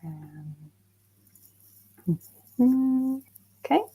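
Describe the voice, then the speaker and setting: A woman, a game studio founder, giving a relaxed conference presentation over a video call and often pausing on fillers. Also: sits high, creaky, breathy edge, faint music behind. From Belgium. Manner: relaxed, hesitant with frequent fillers.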